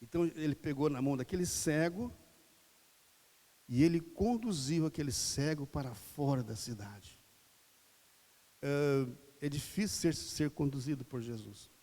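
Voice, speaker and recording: A man's voice: fairly high pitch, expressive, unhurried, long pauses, dark tone. A man preaching a sermon in Brazilian Portuguese, conversational, firing off rhetorical questions and acting out voices. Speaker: pastor. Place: church hall. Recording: reverberant church hall.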